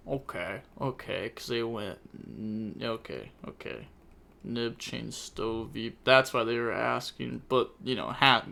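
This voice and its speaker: A young man streams live and commentates a card game match in an unhurried, drawn-out way. His voice sits at an ordinary middle pitch. He muses aloud, repeats himself and chuckles between remarks. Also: fairly bright tone. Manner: chatty, thinks aloud, repeats himself, laughs often.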